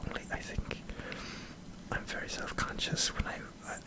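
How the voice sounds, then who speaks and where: An Irish man in a hesitant, self-deprecating ASMR ramble, speaking in a breathy whisper close to the microphone. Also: moderate pace. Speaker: ASMR video creator. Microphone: close microphone in front of a camera.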